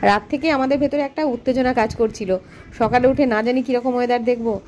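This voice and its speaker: Woman, quick chatty vlog talk, slightly high voice, noisy home recording. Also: steady tone. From West Bengal, India. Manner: chatty, explains household tasks to the camera. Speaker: lifestyle vlogger. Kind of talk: casual vlog narration. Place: family home, indoors and on the road. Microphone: handheld phone camera. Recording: home recording with loud background noise.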